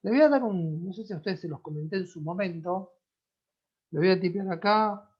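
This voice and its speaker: In a conversational online class, a teacher with a Rioplatense Spanish accent talks a little fast in a medium-pitched voice, often pausing to check in with students. She is heard through a video-call computer mic with dull, lo-fi sound.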